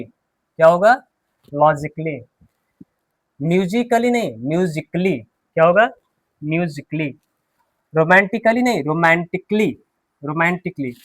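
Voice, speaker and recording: Recorded without echo, this classroom lesson features a man with a high-pitched voice explaining English pronunciation at a board. He asks the class questions, supplies the answers himself, and goes over key words repeatedly.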